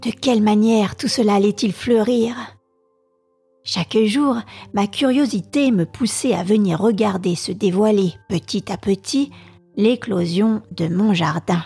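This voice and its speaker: A woman narrating a classic novel slowly and deliberately as a storytelling podcast host. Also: medium pitch, vocal fry, husky, soft background music. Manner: slow, soft and deliberate.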